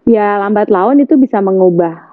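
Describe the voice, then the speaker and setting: A mother talking in a relaxed, slangy, reflective way, mixing in English words. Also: mid-range voice, moderate pace, dry recording. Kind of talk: casual chat. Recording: tinny phone-line audio, dry.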